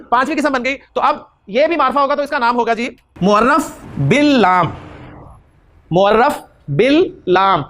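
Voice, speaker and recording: A man teaching Arabic grammar in a classroom lecture, quizzing his students and slowly repeating key terms. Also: very high-pitched, fairly bright tone. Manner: questions students and drills answers back.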